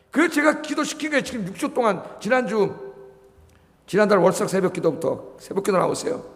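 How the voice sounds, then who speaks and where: A middle-aged male pastor preaching at a Friday prayer service, exhorting his congregation with rhetorical questions and prompting them for answers. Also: high-pitched. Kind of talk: sermon. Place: church sanctuary. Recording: long hall reverb.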